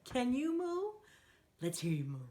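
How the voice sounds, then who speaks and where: A woman with a high-pitched, unhurried voice hosts a read-aloud storytime for young children. She's animated and encouraging, inviting listeners to join in, and playfully acts out sound effects.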